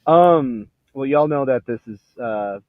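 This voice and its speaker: A man's voice: mid-range voice, expressive, a little slow, no echo. A man on a casual group video chat speaking hesitantly, coming through a tinny, phone-like line. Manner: hesitant, quiet.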